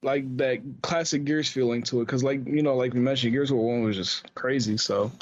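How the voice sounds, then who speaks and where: A man's voice: medium pitch, steady tone, a little fast, lo-fi sound, slight background noise. A man co-hosting a casual podcast, easygoing and full of fillers. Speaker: podcast co-host. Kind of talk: casual chat.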